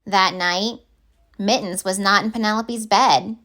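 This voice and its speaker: Expressive and deliberate, a woman reads a children's picture book aloud in a mid-range voice, acting as story reader.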